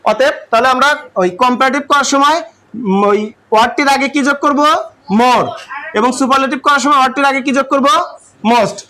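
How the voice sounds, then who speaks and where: Male teacher, bangladeshi accent, high voice, classroom grammar lesson, quizzing students. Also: fairly even intonation, fairly quick, sharp tone, a little hiss or hum. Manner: asks the class questions and repeats answers.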